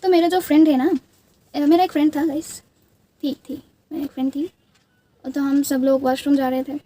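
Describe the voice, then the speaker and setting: Young woman, Bengali accent, native Bengali speaker; high, mellow voice; casual rambling beauty-vlog storytelling with restarts. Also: flat delivery, normal speed. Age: young adult. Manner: chatty, rambling, many restarts and fillers. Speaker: beauty vlogger.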